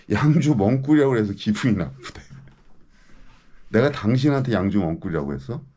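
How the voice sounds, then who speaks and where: A local news commentator in his fifties delivers an indignant, ranting monologue, repeatedly demanding answers from his audience. His lowish voice is warm and expressive, at a moderate pace.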